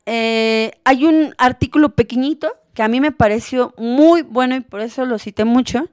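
A woman hosting a podcast, talking in a relaxed, chatty way with many fillers. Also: fairly high pitch, clear, resonant tone, dry recording, clean studio sound. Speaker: podcast host. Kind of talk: casual podcast talk.

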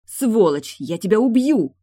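A woman voicing a furious, sharp-tongued woman on prosthetic legs who shouts and snaps, in an audiobook. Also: fairly low pitch, brisk, dry recording, clean studio sound, natural voice. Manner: shouting, snapping.

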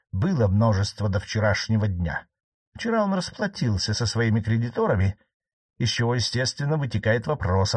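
A man's voice: fairly low pitch, darkish tone, no room sound. A man reading an audiobook, voicing an earnest young investigating judge who grows unsettled.

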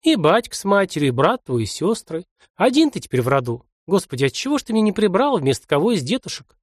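A man's voice: sits high, very animated, fast, no room sound, clean studio sound, pitched above the performer's own voice. A man reading aloud and voicing a tearful, fussing old village grandmother with a folksy, doting way of talking.

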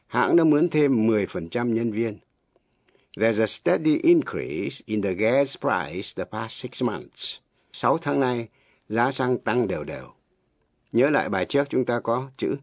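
A man teaching English pronunciation on the radio, slow and deliberate, spelling words out letter by letter. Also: medium pitch, no room sound. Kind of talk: slow radio language lesson. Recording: dull, lo-fi radio broadcast.

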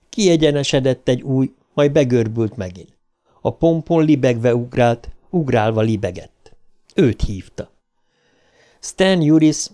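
Man narrating an audiobook, mellow warm voice, measured and even. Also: medium pitch.

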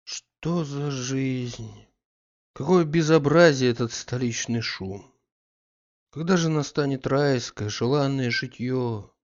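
Man voicing Oblomov, lazy dreamy gentleman. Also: medium pitch, slow, close to an everyday voice. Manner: drowsy, wistful, then fussy. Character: lazy dreamy gentleman landowner, male, middle-aged. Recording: slightly muffled audiobook recording.

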